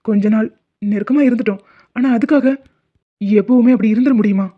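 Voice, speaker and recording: A voice actor doing a young cartoon boyfriend with a quick temper and a caring heart, who scolds and then lectures earnestly. The pitch sits in the middle, and the sound is thin and tinny, as if over a phone. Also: close to an everyday voice. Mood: angry.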